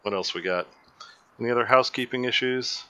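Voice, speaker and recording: A man's voice: medium pitch, fairly quick, bright, forceful tone. A man hosting a live commentary panel, joking casually, laughing often and restarting his sentences. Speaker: host of a live movie commentary show.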